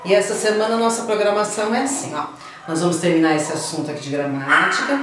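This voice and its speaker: A woman's voice: mid-range voice, noisy background. A woman teacher with a Brazilian Portuguese accent, giving a remote class and explaining things step by step with frequent tag questions. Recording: echoey room, voice from far off the mic.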